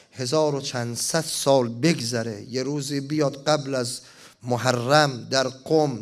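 A man preaching a mourning sermon, reading an elegy and chanting it, at times rising to impassioned cries. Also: medium pitch.

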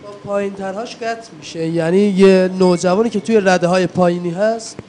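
A man's voice: sits high, steady tone, warm tone, faint music behind. A man from the audience asking a question and pushing back on the answer.

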